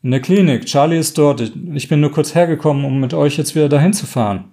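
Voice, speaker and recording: A man voicing a worried middle-aged mother who speaks haltingly, pausing to swallow between sentences. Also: a little high, warm tone, pitched above the performer's own voice, natural voice. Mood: strained.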